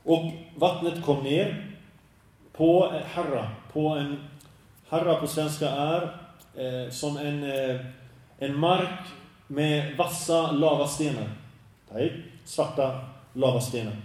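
Man preaching slowly in an echoey hall. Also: a little high, darkish tone. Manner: slow, deliberate teaching with frequent Arabic interjections. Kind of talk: religious lesson in Swedish mixed with Arabic phrases. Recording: very echoey room, voice from a distance.

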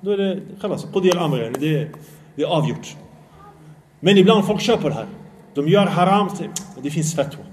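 A man with a slightly high voice teaches a religious lesson, explaining each point step by step. He poses rhetorical questions, checks that his listeners are following, and slips Arabic religious terms into his talk. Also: expressive, darkish tone, slight background noise. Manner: asks the audience questions, checks they follow.

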